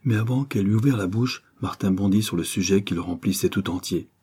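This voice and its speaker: An audiobook narrator reads a novel in a measured, steady storytelling manner. His voice is on the low side with a breathy edge.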